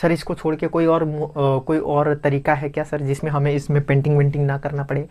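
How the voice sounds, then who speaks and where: A man playing a curious young male student who asks his teacher hesitant, drawn-out questions in a classroom role-play. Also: a little high, completely flat delivery, a little mellow, close to an everyday voice.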